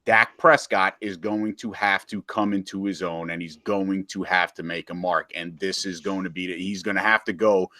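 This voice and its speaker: Low-voiced man breaking down stats. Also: fairly even intonation, pushed and bright, dry recording, clean studio sound. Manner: measured, reasoning through stats. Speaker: podcast co-host. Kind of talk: casual sports podcast chat.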